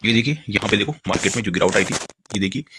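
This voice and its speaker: A low-voiced stock market analyst talks fast while walking through charts on a screen share, repeatedly pointing things out and saying "look here." His explanation rambles, full of fillers and restarts, over some background noise.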